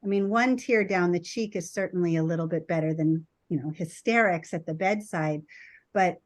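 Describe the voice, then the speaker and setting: A woman's voice: fairly low pitch, moderate pace. A woman hospice nurse talking in an earnest, empathetic way, as in a conversational panel discussion.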